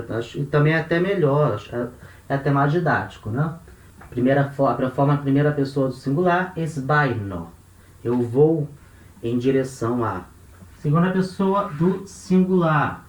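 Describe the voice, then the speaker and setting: A man's voice: on the high side, lively intonation, moderate pace. A man with a Brazilian Portuguese accent teaching Ancient Greek grammar, explaining step by step and counting syllables aloud. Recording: roomy echo, voice off-mic.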